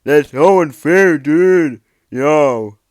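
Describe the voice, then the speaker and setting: A man putting on a shouty, exaggerated young male meme voice, yelling catchphrases. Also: on the high side, very slow, no room sound, clean studio sound. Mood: hyped yelling.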